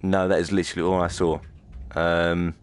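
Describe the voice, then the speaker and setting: Man, low voice, game stream commentary, chatty, joking. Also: level tone, normal speed, clean tone. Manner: chatty, joking, reads game lines aloud. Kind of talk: live let's-play commentary.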